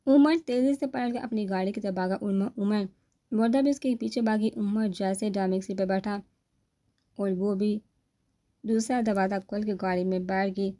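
A woman narrates a romance novel aloud. Her voice is mellow and dark in tone. She keeps a steady, even storytelling pace. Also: mid-range voice. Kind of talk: novel reading.

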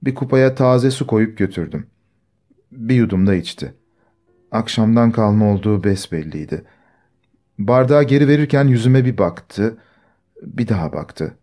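Audiobook part: bitter young village woman, timid and quiet, read by a man, lowish and mellow. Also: expressive, normal speed, pauses often, natural voice. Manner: quiet, timid, restrained storytelling.

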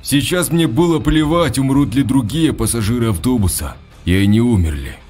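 A man's voice: mid-range voice, expressive, moderate pace, a little mellow. Brief: male audiobook narrator, dramatic reading, faint music underneath. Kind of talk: scripted narration.

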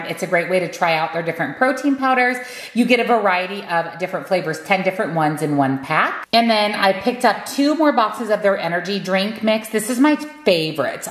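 A woman's voice: mid-range voice, no echo, poor audio. Chatty upbeat woman vlogging. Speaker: lifestyle vlogger. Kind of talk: casual vlog narration.

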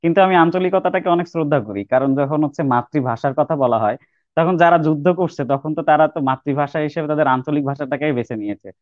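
A man's voice: a little high, fast talker, dry recording, highs cut off. A young man, a university student guest, chatting casually and hesitantly with many filler sounds. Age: young adult. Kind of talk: casual chat with poem recitation.

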